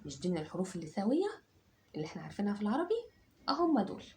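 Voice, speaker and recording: Egyptian female teacher, very animated pitch, drills phonics sounds for kids, keeps checking in. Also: racing, slight background noise. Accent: Egyptian Arabic. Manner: drills sounds aloud, repeats and checks understanding. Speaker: English teacher. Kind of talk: phonics lesson for children.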